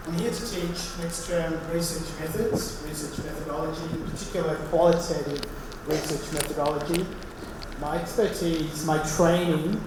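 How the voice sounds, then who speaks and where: A man with an Australian accent, an associate professor speaking to an open-house audience in a measured way, with frequent ums. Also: a little high. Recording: very echoey hall with background noise.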